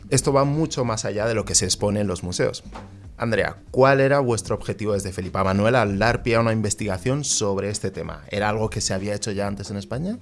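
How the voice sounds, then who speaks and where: A man's voice: on the low side, a little fast. A man hosting a radio interview, steering the talk with his questions. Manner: guiding questions. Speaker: host.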